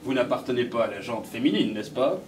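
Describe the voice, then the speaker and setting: A man's voice: mid-range voice, lively intonation, a little fast, background noise, natural voice. A man voicing an old-fashioned policeman who speaks formally, with pompous hesitations.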